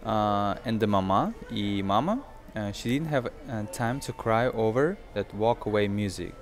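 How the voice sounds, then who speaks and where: With lively intonation and a slightly slow pace, this man's voice sits on the low side. He's an English teacher in his twenties running an informal lesson based on a film, hesitantly breaking things down phrase by phrase.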